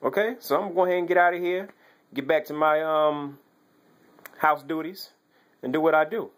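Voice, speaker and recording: A man's voice: fairly high pitch, fairly even intonation, normal speed. A man giving a casual, chatty shoe review at home, talking loosely with slangy asides. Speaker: sneaker vlogger. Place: home bedroom, laundry running.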